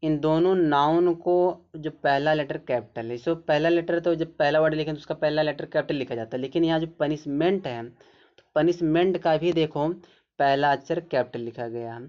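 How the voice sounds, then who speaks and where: Smooth-voiced man teaching grammar. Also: fairly high pitch, a little mellow, dull audio. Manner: explains step by step, asking and answering his own questions. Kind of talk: explaining a grammar lesson in Hindi.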